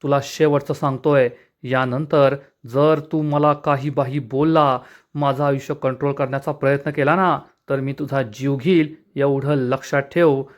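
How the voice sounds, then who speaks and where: A man's voice: mid-range voice, fairly even intonation, a little slow, close to an everyday voice. A man reading the lines of a young adult son who is furious and defiant, threatening his father in a menacing tone. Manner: shouting, menacing.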